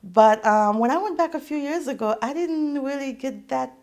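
A woman in her thirties from Haiti, a radio producer, speaking as a guest in a studio TV interview in an earnest, measured way on a lapel mic. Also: sits high, darkish tone. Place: indoor TV studio set.

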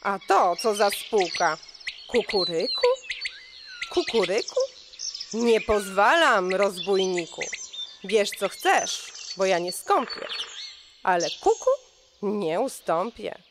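A woman voicing a stubborn, proud cuckoo who speaks slowly and insistently. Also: medium pitch, very animated. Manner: slow, insistent. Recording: birdsong noise behind.

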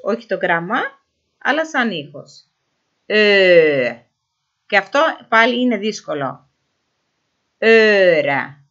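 A woman giving an informal pronunciation lesson who sounds out vowels slowly and repeats them. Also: mid-range voice, fairly bright tone. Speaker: language teacher. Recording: dull lo-fi recording.

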